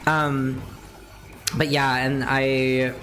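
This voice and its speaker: A young adult woman chatting casually on a livestream, rambling with lots of fillers and casual swearing, her pitch jumping up and down as she talks. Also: very slow, a little hiss or hum. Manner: animated, wide pitch swings. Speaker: streamer.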